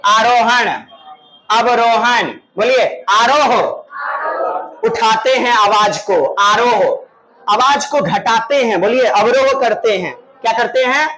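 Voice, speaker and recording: A man's voice: extremely high pitch, slow pace, bright, forceful tone, some chatter behind, rough recording. A middle-aged male teacher leading an online exam-prep class, drilling his students by repeating terms and calling out prompts for them to answer.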